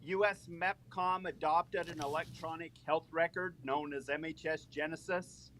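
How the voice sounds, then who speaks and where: A man speaking over a phone line in a live panel discussion, loudly and close into the phone, explaining a process step by step as a military medical official. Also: fairly high pitch, steady tone, normal speed, a little hiss or hum. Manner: explanatory, gives a brief history lesson.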